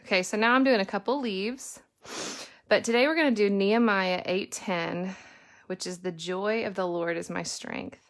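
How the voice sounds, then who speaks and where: A woman teaching lettering in a relaxed, conversational way, narrating every brush stroke as she goes. Her voice sits at an ordinary, middle pitch. She speaks from a home studio. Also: moderate pace. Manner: chatty, talks through each step. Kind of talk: casual painting lesson.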